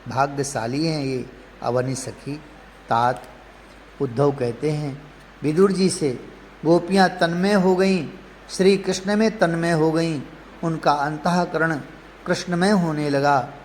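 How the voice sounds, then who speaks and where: A man preaching a devotional story in a measured, emotive way, often addressing the listener directly. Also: fairly high pitch. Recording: long hall reverb, faint background noise.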